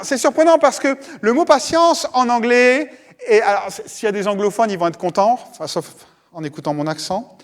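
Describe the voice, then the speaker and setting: A high-pitched man gives a sermon at a church service. He keeps it conversational, speaking straight to the congregation and circling back over his words. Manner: conversational, addresses listeners directly, often repeats words. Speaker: pastor.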